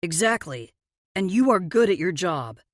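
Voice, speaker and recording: A woman voicing a caring, loyal young man in an audiobook, speaking gently and reassuringly. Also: fairly low pitch, very animated, normal speed, dry recording, clean studio sound. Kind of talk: audiobook character voice.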